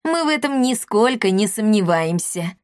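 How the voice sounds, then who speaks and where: A woman voicing a cheeky, quick-witted orphan boy in a storybook reading. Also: medium pitch, expressive, no echo, clean studio sound, lightly acted.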